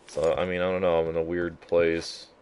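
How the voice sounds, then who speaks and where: A man's voice: sits low, level tone, normal speed, darkish tone, smooth. A man streaming a game live, chatting to a viewer in a nervous, profane, casual way. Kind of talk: casual live gameplay commentary.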